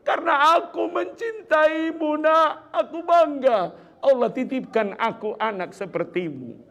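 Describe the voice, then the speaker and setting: Tender elderly mother, put on by a male preacher, raised pitch, pleading warmth. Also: measured pace, lo-fi sound. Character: loving old mother writing to her child.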